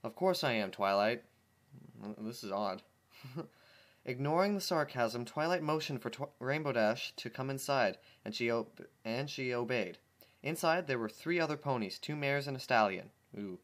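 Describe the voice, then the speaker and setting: Reading fan fiction aloud, this host speaks at a normal pace in an animated, medium-pitched voice with a bit of brightness. He keeps stumbling over words, chuckles at the writing, and adds his own amused remarks.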